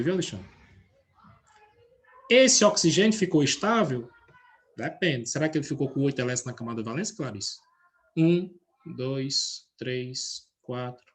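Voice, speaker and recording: A man teaching a chemistry class, using everyday analogies and regularly asking named students questions. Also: fairly high pitch. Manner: checks in with students by name and asks frequent questions. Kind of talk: live class explanation.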